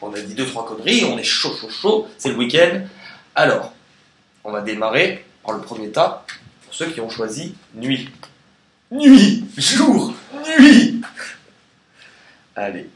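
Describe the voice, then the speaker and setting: A man's voice: medium pitch, moderate pace. Chatty man reading tarot cards. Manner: chatty and relaxed, sings snatches of songs. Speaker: tarot card reader. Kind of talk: casual tarot reading video. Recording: echoey room with faint noise.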